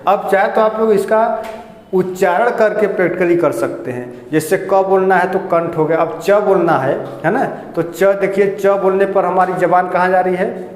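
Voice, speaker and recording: A man's voice: high voice, normal speed. A man teaching Hindi grammar to a class, explaining step by step and asking and answering his own questions. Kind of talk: classroom lecture. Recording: echoey room with long reverb.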